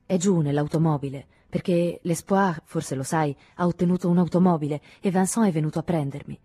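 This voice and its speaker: Weary evasive man, curt and restrained, low husky voice, dark tone, audiobook, read by a woman. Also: a little fast, no echo, soft background music.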